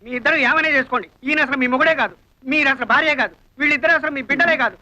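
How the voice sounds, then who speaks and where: Frazzled census guy, very high bright voice, fast and fussy. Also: exaggerated voice, poor audio. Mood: exasperated. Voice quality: exasperated, fussy. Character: flustered male census officer, easily confused. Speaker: census officer. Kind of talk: comic film acting.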